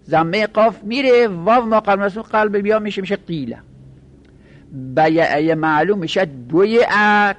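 A male teacher with a Luri Persian accent, lecturing a class on grammar and patiently repeating each example while checking that the students follow along. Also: high voice. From Lorestan, Iran.

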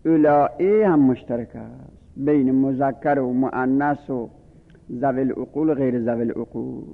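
Male teacher, gravelly, patient drilling delivery; lo-fi phone-band recording in a reverberant space. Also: mid-range voice. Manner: patient, repetitive enumeration, drilling word forms. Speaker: religious studies teacher. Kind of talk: lecture on Arabic grammar. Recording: phone-like lo-fi audio with long reverb.

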